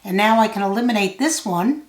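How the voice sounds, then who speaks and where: A woman giving a solve-along tutorial, thinking out loud step by step in a measured way. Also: mid-range voice, animated. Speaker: puzzle tutor. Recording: roomy, echoey sound.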